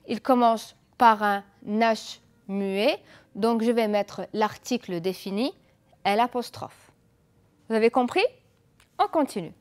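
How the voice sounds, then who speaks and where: A woman teacher giving a televised school lesson, explaining patiently, asking pupils questions and praising their answers. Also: a little high. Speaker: French teacher.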